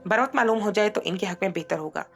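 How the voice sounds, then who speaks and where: A woman voicing a calm male doctor who explains in a measured way. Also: mid-range voice, creaky, soft background music. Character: calm professional male doctor giving advice.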